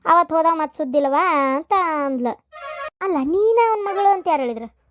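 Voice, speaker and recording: Cartoon: woman playing a sly, meddlesome middle-aged gossip with a North Karnataka accent, shrill and high. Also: animated, brisk, no echo, soft background music. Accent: North Karnataka Kannada. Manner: nagging, sly, defensive. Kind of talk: cartoon voice acting.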